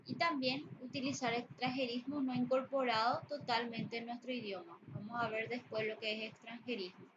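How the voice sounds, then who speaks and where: Woman teacher, slow careful explanations, higher voice, dull noisy recording. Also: fairly even intonation. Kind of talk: spoken grammar lesson. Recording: dull lo-fi audio with background noise.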